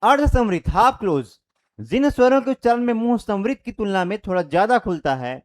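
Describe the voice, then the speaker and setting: High-voiced man teaching a grammar class. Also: big pitch swings, a little fast. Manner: explains step by step with repeated checks; demonstrates sounds by saying them aloud. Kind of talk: online Hindi grammar lesson.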